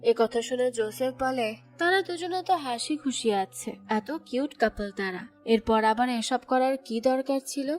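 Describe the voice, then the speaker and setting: A woman narrating a movie plot as a steady, scripted storytelling recap. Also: high voice, moderate pace, few pauses. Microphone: voice-over. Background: soft background music.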